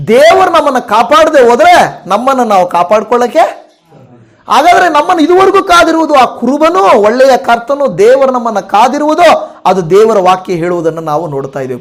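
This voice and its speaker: Male pastor, high and animated delivery, preaching with big swings in volume. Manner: expressive, swinging between loud peaks and soft drops. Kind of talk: sermon.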